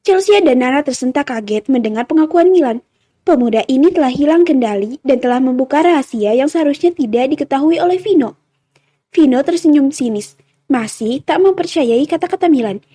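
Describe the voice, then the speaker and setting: A woman narrates a dramatic story with an expressive delivery. Her voice sits high. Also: brisk.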